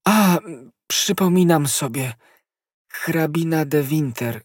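A man's voice: fairly high pitch, expressive, takes it slowly, husky, no room sound, clean studio sound, pitched above the performer's own voice, heavily acted. Konstancja, a man voicing a pleading young woman. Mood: dying. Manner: breathless and pleading. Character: young woman, loving and frightened, dying of poison.

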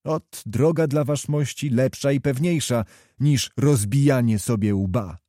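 A man reading the part of a seasoned officer who speaks in a measured, moralizing, steady way. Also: mid-range voice, no room sound, clean studio sound, lightly acted. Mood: admonishing. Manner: measured, admonishing. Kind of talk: audiobook character reading.

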